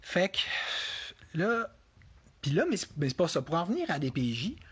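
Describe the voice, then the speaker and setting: A man's voice: high-pitched, big pitch swings, moderate pace, slightly rough. A man with a Quebec French accent hosting a casual interview, rambling with many fillers and restarts. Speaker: interview host.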